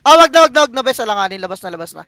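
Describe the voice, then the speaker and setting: A man calling shots for his team in live game voice chat, barking rapid commands and countdowns and swearing. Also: very high-pitched, sing-song, pushed and bright, no echo. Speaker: team shotcaller.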